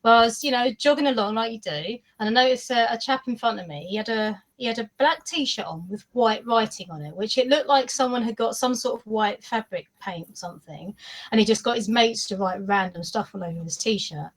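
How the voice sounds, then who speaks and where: A woman who is a regular podcast contributor, telling a lively anecdote in casual chat and acting out the quotes. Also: a little high, fairly quick, low-quality recording.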